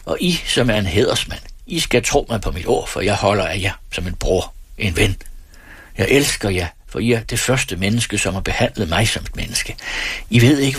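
A man voicing a drunk, boastful, hot-tempered estate steward who talks loudly and haughtily. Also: fairly low pitch, husky, no echo, exaggerated voice. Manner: loud and haughty.

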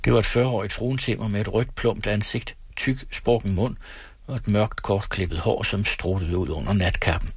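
A man narrating a novel as an audiobook in a steady, measured reading. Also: fairly low pitch, husky, no echo.

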